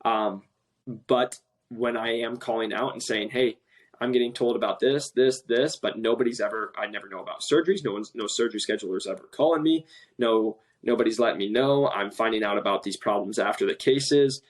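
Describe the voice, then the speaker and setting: Animated man telling a work story. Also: on the low side, brisk. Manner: animated storytelling, quoting others, self-described passionate. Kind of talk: casual podcast conversation. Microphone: remote call.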